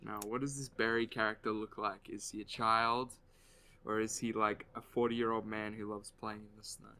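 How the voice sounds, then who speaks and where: Bright-voiced Australian man, dry jokes. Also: fairly low pitch, level tone, moderate pace, slight background noise. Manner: dry, jokey asides. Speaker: co-host. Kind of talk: casual chat while drawing.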